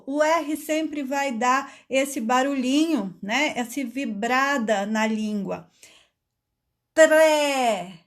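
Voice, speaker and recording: A woman leads a phonics lesson for adult learners, sounding out syllables slowly and patiently. Her voice sits high. She takes her time over each word. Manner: patient, drawing out syllables one by one. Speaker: adult literacy teacher.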